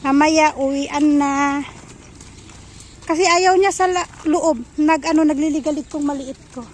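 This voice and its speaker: A woman's voice: sits high, fairly even intonation, unhurried, slight background noise, poor audio. A woman vlogging casually at home, chatting and mixing English phrases into her talk. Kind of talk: casual home vlog narration.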